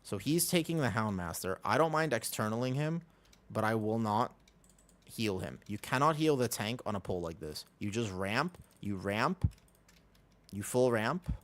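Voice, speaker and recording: Slangy, excitable male game streamer. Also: fairly low pitch, moderate pace. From Texas, United States. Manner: slangy, excitable, repeats himself. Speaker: game livestreamer. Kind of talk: casual chat and gameplay commentary.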